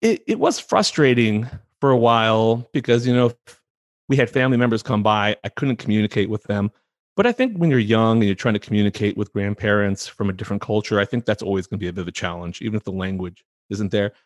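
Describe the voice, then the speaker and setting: A man's voice: on the low side, lively intonation, fast, dry recording. A chatty American man, about thirty to forty, raised in the San Francisco Bay Area, talking casually as an interview guest and often repeating words as he starts a thought. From United States, San Francisco Bay Area.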